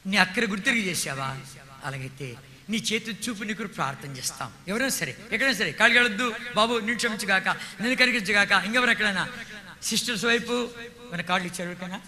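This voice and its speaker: Male preacher, fervent altar-call sermon, very high voice, long reverb. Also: lively intonation, fast talker, bright, forceful tone. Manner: fervent, pleading, repetitive phrasing. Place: large hall with a congregation.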